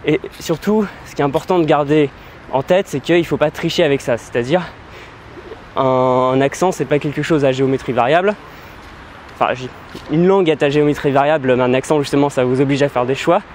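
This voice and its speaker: A man's voice: a little high, a little fast, a little mellow, slight background noise. A man hosting a language-learning channel, explaining in a casual, conversational way, with frequent fillers and restarts. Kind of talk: casual explanatory video talk.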